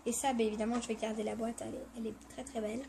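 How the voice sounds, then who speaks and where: A woman's voice: on the high side, level tone, very fast, gravelly, mellow, slight background noise. A woman vlogger telling a story in a casual vlog, chatty and enthusiastic, with many fillers and restarts.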